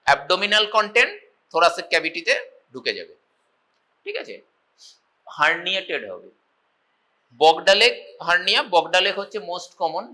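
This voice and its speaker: A man with a Bengali accent gives a classroom lecture at a medical college, reading English lines slowly and then explaining them in Bengali while often checking that students follow. His voice is high-pitched, pushed, and bright. The recording quality is low.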